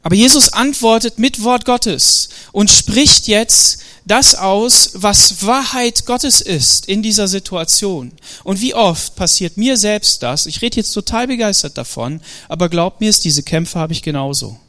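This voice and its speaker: A man preaching a Sunday sermon in a lively, animated way, with frequent fillers and hesitations. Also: high voice, unhurried. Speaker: pastor.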